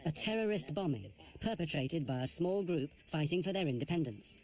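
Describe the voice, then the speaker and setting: A man narrating a documentary in a measured, grave scripted delivery. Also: a little high, expressive. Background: music.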